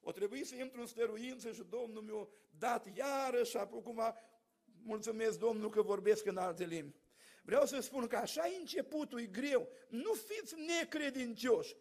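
A man's voice: very high-pitched, darkish tone. A preacher man. He tells his testimony in a storytelling way, then turns fervent and calls out to the congregation. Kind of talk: sermon with personal testimony.

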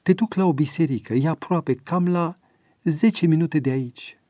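A narrator raises his pitch for a caring grown son, earnest and eager, speaking quickly and persuasively. The recording is dry and close. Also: dark tone, no room sound, close to an everyday voice.

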